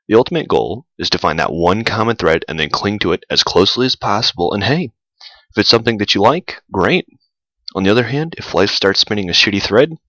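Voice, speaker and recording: A low-pitched man with a bright, forceful edge to his voice, reading his own blog post aloud. He talks loosely with plenty of fillers, and his humor is dry and self-mocking. The sound is close and dry, with no room echo. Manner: loose and filler-heavy when talking off the cuff. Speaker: blogger.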